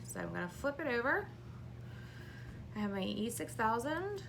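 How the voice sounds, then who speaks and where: A woman's voice: a little high, very animated, normal speed, gravelly, background noise. A woman in her thirties, heavily pregnant and short of breath, giving a casual hands-on craft tutorial to camera. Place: small indoor craft room.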